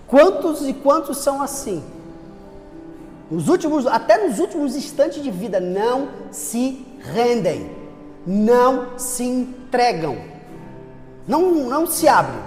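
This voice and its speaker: Animated Brazilian male preacher; reverberant church with faint music behind. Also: very high voice. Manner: animated preaching, acts out voices, rhetorical questions. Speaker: pastor. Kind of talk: sermon.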